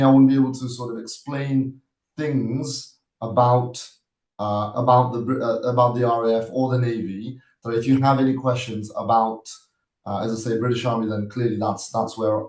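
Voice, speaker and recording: A man in his thirties from Nepal, giving an earnest, measured webinar talk as a guest speaker, pausing often to find his words. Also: mid-range voice, darkish tone. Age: 30s. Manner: earnest, measured, with frequent hesitations. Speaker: guest speaker, army officer. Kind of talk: webinar presentation. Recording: echoey room sound.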